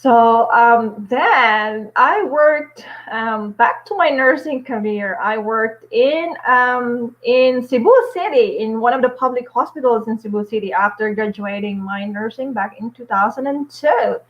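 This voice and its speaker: Fairly high in pitch, her voice moves at a measured pace with hardly any pauses. She's a Filipino woman in her forties, a nurse and vlogger chatting upbeat on a casual home live stream with many fillers and little laughs. The recording has dull, lo-fi stream sound.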